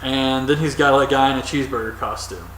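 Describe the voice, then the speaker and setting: A man's voice: medium pitch, a little fast, fairly bright tone, echoey room, far from the mic, slight background noise, rough recording. A man giving casual, opinionated solo commentary as a wrestling reviewer, rambling with frequent ums.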